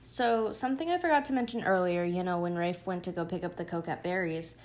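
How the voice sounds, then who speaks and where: A woman's voice: fairly low pitch, brisk, a little mellow. A young woman chatting casually as she recaps a show, rambling with lots of fillers and gushing asides. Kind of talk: casual chat.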